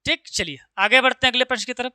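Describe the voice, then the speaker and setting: A man teaching an exam-prep class, asking rhetorical questions and reciting verse lines slowly. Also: very high-pitched, sharp tone, no room sound.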